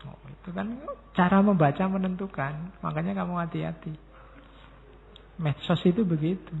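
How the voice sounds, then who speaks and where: A man's voice: sits high, fairly even intonation, normal speed, vocal fry, slight background noise. A man with a Javanese accent giving a philosophy lecture, talking directly to his listeners and acting out quoted messages in different tones. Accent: Javanese-inflected Indonesian. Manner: talks straight to the audience, acts out quoted messages in different tones. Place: large mosque hall. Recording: tinny lo-fi sound in a reverberant hall.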